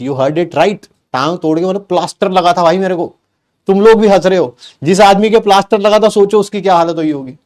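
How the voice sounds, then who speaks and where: A middle-aged man from India, a teacher telling a lively personal story to his students, mixing in English phrases. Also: high voice. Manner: animated, mixes English phrases, acts out family members' lines.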